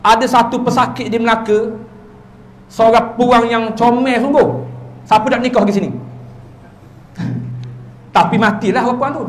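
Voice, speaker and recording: A man with a Terengganu Malay accent giving an evening lecture as a religious teacher in a village prayer hall, telling stories with sudden swings between loud and soft. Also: moderate pace, pauses often, slight background noise. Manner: lively storytelling with sudden swings in pitch and loudness.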